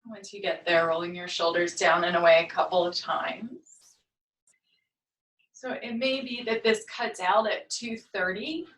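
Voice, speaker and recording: Woman teacher calmly cueing stretches, echoey. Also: fairly low pitch, measured pace. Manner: calm, gentle step-by-step cueing. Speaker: movement and meditation teacher. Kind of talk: guided movement class instruction. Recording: echoey room, far from the mic.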